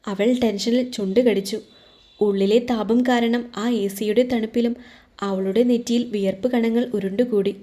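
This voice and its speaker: A woman narrating a romance story in a measured, scripted reading. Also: medium pitch, fairly even intonation, dark tone.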